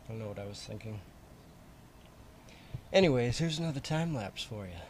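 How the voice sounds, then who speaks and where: Standing by a yard wall outside, a young man who makes fishing vlogs chats casually to the camera about his do-it-yourself project, stumbling into fillers and restarts. His mid-range, slightly mellow voice has lively intonation and normal pace, over a little hiss or hum.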